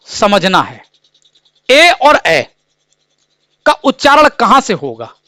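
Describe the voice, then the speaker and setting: High, smooth-voiced man teaching. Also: a bit bright, no echo, studio quality. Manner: asks questions and answers them himself, repeating key terms. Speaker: Hindi teacher. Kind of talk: exam-prep grammar lesson.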